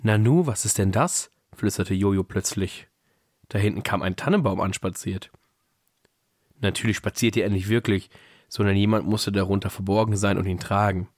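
Low-voiced man reading a story. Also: normal speed, no echo, studio quality. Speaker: podcast co-host reading a story. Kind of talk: reading a Christmas story aloud.

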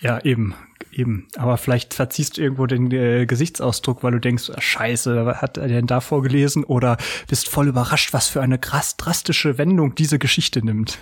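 A man's voice: mid-range voice, fairly even intonation, moderate pace, husky. Joking, rambling young male podcaster. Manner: joking, rambling with many restarts. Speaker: podcast co-host. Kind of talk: casual podcast chat.

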